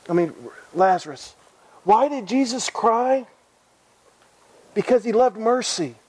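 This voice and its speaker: A man with a high voice preaches an earnest sermon. He repeats his phrases and puts direct questions to his listeners. The sound is dry and close, with no room echo. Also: dark tone.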